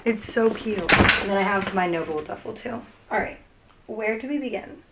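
Sitting on her cluttered bedroom floor, a young woman with a mid-range voice gushes chattily at a moderate pace through a casual packing vlog, full of "like" and "freaking." A camera a few feet away picks her up, and the recording is very noisy.

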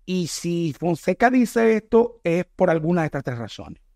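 A man's voice: high voice, sing-song, gravelly, mellow, dry recording. Venezuelan guy, middle-aged, reacting to a video, earnest and emphatic, dry close mic. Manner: earnest, emphatic, speeds up and slows for stress. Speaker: political commentator reacting to a video.

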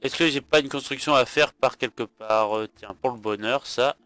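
Sleepy guy talking through his strategy game, smooth clear voice, dry close mic, bit of music behind, lots of um and uh. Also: medium pitch, normal speed, a bit bright, dry recording. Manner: thinks aloud with hesitations and fillers. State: tired. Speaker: gaming video host. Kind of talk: let's play commentary.

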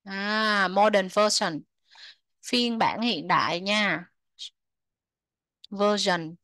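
A woman teaching English to children, repeating words slowly, translating them and chatting with soft sentence endings. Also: mid-range voice, dry recording. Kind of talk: explaining a textbook lesson to children.

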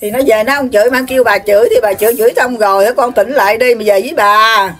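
Older woman, Southern Vietnamese accent, somewhat high voice, rambles on and scolds like a self-appointed spiritual elder. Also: steady tone, fairly bright tone. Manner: lecturing and scolding, with drawn-out filler sounds. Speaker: self-proclaimed spiritual elder receiving visitors. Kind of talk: rambling, preachy monologue.

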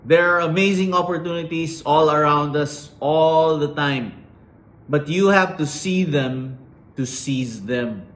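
A middle-aged man giving an inspirational commencement speech indoors, slow and dramatic with emphatic pauses. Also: on the high side, a bit bright. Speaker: commencement speaker. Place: indoors against a plain wall. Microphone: fixed camera at chest framing. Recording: roomy echo.

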